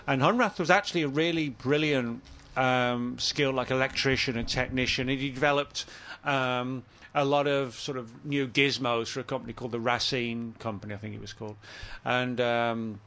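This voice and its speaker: A man's voice: medium pitch, steady tone, normal speed, hardly any pauses, fairly bright tone. A man guesting on a casual talk show, telling a story at length, often stopping to correct himself. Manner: rambling, self-correcting storyteller. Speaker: author guest. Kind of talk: casual podcast conversation.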